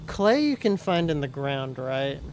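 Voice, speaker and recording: A man's voice: very animated, a little slow, a little mellow, slight background noise. A man chatting casually while streaming a game, rambling and restarting his sentences. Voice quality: higher voice. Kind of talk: casual gameplay chat.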